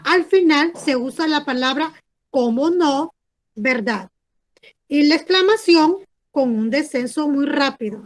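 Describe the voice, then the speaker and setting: A woman student reads a class presentation from notes. Her voice is high, and she stumbles on a word now and then. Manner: reading with small slips.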